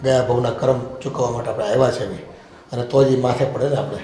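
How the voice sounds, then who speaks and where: A middle-aged man playing a patient father-in-law who calmly gives advice. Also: mid-range voice, fast talker, natural voice. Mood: advising. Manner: calm, advising. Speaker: father-in-law in family drama. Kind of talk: Gujarati family drama acting. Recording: echoey room.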